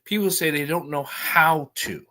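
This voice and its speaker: A man's voice: on the high side, a little slow, bright, forceful tone. Middle-aged man over a choppy online call. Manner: earnest, explains step by step with restarts. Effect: voice coming through a choppy online call. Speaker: guest expert. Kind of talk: conversational explaining in an interview.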